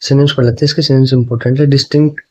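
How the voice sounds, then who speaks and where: A man's voice: mid-range voice, level tone, a little mellow. A man teaching exam questions, speaking Hindi, chatty and often checking in with his students. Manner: chatty, repeats "ठीक है", reads options slowly. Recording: dull lo-fi sound.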